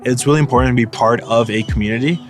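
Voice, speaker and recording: A young man from Northern Virginia speaks casually and thoughtfully about his seminary studies. His voice sits at an ordinary middle pitch, with faint music behind him. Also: rapid-fire. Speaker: seminary student. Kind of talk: personal testimonial.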